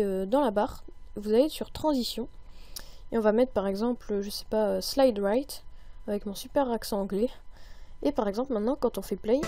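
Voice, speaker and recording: Woman, mellow slightly high voice, chatty tutorial narrator, upbeat. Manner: chatty, many fillers, upbeat. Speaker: tutorial maker. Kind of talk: screen-recorded software tutorial.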